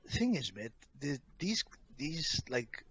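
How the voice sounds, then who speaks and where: A man's voice: a little high, very animated, slow, a bit bright, slight background noise. A man in his thirties reminiscing in casual chat, swearing constantly and talking in an emphatic, matey way. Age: 30s.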